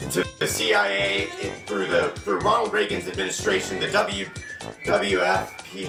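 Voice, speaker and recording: Brief: man hijacking a broadcast, voice masked by an electronic disguise filter, heavy gravel, echoey old clip buried under loud music. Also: sits high, sing-song, recorded from a distance. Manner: halting, hesitant reading with fillers. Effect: voice disguised with electronic processing. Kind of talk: rambling pirate broadcast message.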